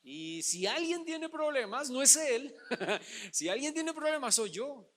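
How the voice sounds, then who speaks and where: A pastor delivering a Sunday sermon, addressing the congregation as brothers and acting out Bible stories. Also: male voice, very high-pitched, big pitch swings, slow pace, fairly bright tone.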